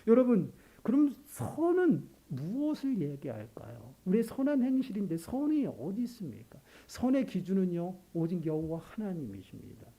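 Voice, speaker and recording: A pastor giving a Sunday morning sermon, earnest and emphatic, repeating key phrases and building to loud peaks. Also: mid-range voice, wildly swooping pitch, moderate pace, hardly any pauses, slightly rough.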